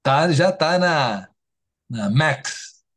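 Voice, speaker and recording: A man's voice: fairly high pitch, expressive, extremely slow, a bit bright. Enthusiastic rambling man in conversation. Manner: enthusiastic, rambling, with restarts and casual swearing. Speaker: interview guest. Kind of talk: casual interview chat.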